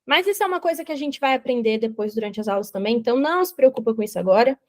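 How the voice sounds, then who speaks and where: A young woman with a Brazilian Portuguese accent teaching an online English grammar lesson in a lively, explanatory way, often checking in with her students. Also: on the high side, very fast.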